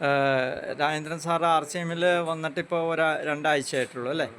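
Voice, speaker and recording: Guy interviewing people in a big showroom, kinda high voice, keeps telling them to talk louder, little background hum. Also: fairly even intonation, a little fast. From Kerala. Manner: leading questions, often urges guests to speak up. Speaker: interviewer at a store visit. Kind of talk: casual promotional interview. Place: large indoor showroom.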